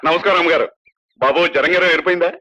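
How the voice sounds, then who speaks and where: A chatty kind-hearted jail constable. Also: male voice, a little high, racing, sharp tone, slight background noise. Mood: chatty, deferential. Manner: earnest, deferential, talkative. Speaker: prison constable. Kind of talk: film drama acting. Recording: dull lo-fi film soundtrack.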